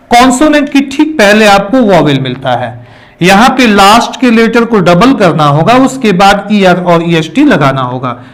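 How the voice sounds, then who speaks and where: In a classroom-style English grammar lesson, a man with a high, fairly bright voice mixes Hindi and English. He spells words out letter by letter, repeats phrases, and checks in often with "okay."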